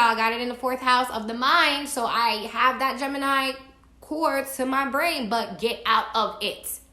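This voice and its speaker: Speaking straight to her viewers from indoors at home, this astrology vlogger has a fairly high, bright, forceful voice that echoes in the room. Her spiritual advice comes across as emphatic and preachy, with casual swearing mixed in.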